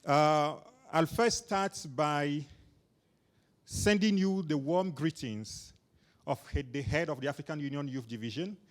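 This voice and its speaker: A youth official giving a formal conference address, measured with a touch of humor. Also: male voice, fairly high pitch.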